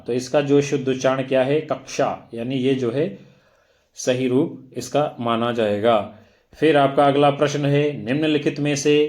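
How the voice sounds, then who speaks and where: A male teacher talks through exam questions at a very slow, measured pace. He reads each option aloud one at a time, then explains the right answer, at a mid-range pitch. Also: darkish tone. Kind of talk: exam-prep lesson.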